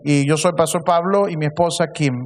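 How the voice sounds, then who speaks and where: A male pastor moderates a church panel. His voice sits high for a man. He introduces each guest and asks his questions with the odd filler. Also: steady tone, a little fast, a little hiss or hum.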